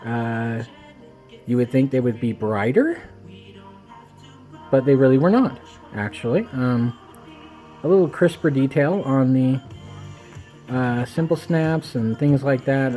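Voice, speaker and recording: A man's voice: mid-range voice, dark tone, rough recording. A man with toothless, slightly slurred speech, casually rambling through a home audio review in a wry, self-deprecating, irreverent way.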